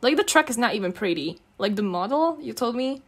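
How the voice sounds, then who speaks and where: An Eastern European ASMR performer plays a girlfriend in a casual, intimate roleplay, teasing and affectionate with lots of slang. The young woman's voice is on the high side, animated and a little fast.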